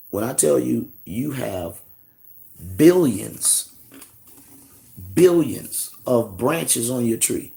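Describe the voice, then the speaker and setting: A man with a gravelly, fry-edged voice at a middling pitch holds forth on his live stream. He speaks, casual and animated, like he's preaching to friends. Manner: animated, street-casual preaching tone, calls listeners "family".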